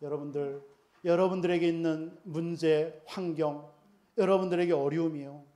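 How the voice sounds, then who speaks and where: A man's voice: fairly high pitch, fairly even intonation, normal speed, dark tone. A male pastor preaching a sermon emphatically, often putting rhetorical questions to the congregation.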